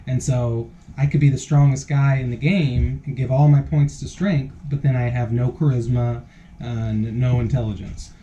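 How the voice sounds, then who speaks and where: A man chatting casually as a player, working through his points with quick examples and the odd slip. His voice is very dark, and the recording sounds dull and lo-fi. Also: mid-range voice, steady tone, slight background noise. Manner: explains with quick examples, a few slips. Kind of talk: casual chat.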